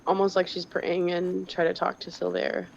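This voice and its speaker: A woman's voice: on the low side, monotone, normal speed, vocal fry, slight background noise. A woman playing a tabletop game, describing what her character does in casual chat. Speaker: player. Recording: dull lo-fi mic.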